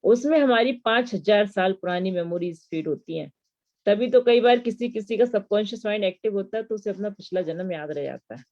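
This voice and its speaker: A woman's voice: medium pitch, a little fast, a little mellow. Woman teaching mantras, lo-fi sound. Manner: explanatory, rhetorical questions. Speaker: religious teacher. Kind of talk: devotional lesson on mantras.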